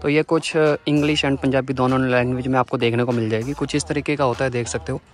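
Talking fast in a steady, mid-range voice, a male travel vlogger takes viewers on a casual walk around a zoo, filmed outdoors with a handheld camera. He keeps up a chatty, enthusiastic commentary full of exclamations.

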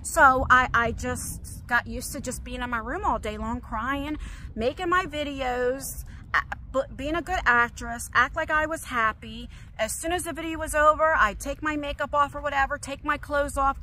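A middle-aged woman speaks in a confessional vlog with a high, bright, sharp-edged voice. She talks in an emotional, rambling way, often restarting her sentences as she paces. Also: normal speed, slight background noise. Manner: pacing while talking. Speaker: vlogger.

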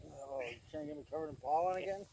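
A man's voice: on the high side, quick pace, gravelly, warm tone, slightly rough. A young man hosting a casual, slangy, laid-back review outdoors, picked up by a camera a few steps away. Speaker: host of a dip review channel. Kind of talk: casual product review chat. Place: outdoors on a grassy hilltop. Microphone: camera mic a few steps away.

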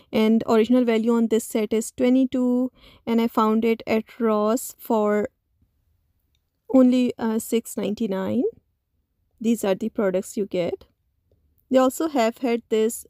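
A woman narrating a store shopping video in a voice-over, speaking slowly. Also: a little high, warm tone, no room sound, clean studio sound. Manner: slow, listy, with many "uh" pauses. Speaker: shopping vlogger.

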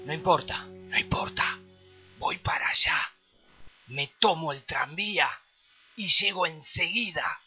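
A performer playing an impulsive, lovesick drunk young man in an amateur parody drama, talking in a breathy half-whisper. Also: mid-range voice, lively intonation, unhurried, long pauses, bright, forceful tone, muffled recording, soft background music, heavily acted.

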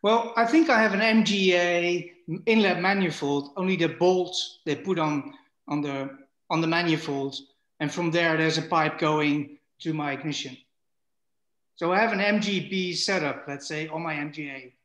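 A man's voice: on the high side, steady tone, normal speed, a bit bright. A man from the Netherlands with a Dutch accent, calling in with a question and phrasing carefully. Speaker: caller. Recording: roomy video call audio.

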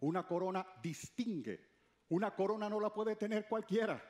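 A man's voice: high-pitched, normal speed, a little mellow. A man, a pastor, preaching a sermon. He reads scripture aloud and calls on the congregation to repeat key words after him.

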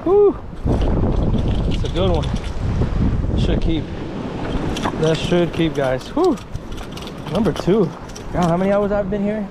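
A chatty man narrates his fishing out on a seaside rock jetty, his voice sitting a bit high for a man. Loud wind buffets the camera mic the whole time, and the waves are heard behind him. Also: slow, pauses often. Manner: chatty, excited whoops when fish bite. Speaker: fishing vlogger. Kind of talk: casual running commentary while fishing. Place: outdoors on a windy rock jetty by the sea. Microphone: body-worn action camera.

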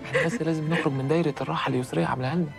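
A man's voice: on the high side, steady tone, rapid-fire, creaky. An actor playing a devoted brother who comforts his grieving sister with an Egyptian accent, soothing and swearing oaths. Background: music score.

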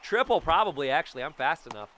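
Talking fast, a gaming YouTuber in his thirties riffs excitedly and jokingly over a baseball video game, breaking into loud yells. A bit of hiss or hum is audible. He's on a boom-mounted studio mic in a small home room, framed for webcam.

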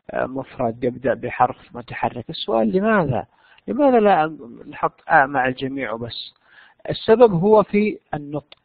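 A man's voice: on the high side, no room sound. A man teaching an online English lesson, explaining step by step and answering his own questions. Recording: dry tinny phone-like line.

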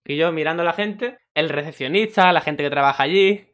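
A man's voice: a little high, fairly quick. A young man with a Spain Spanish accent, casually telling funny anecdotes and acting out the voices of people in them. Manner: jokey, animated, acts out voices in the story. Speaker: streamer and YouTuber.

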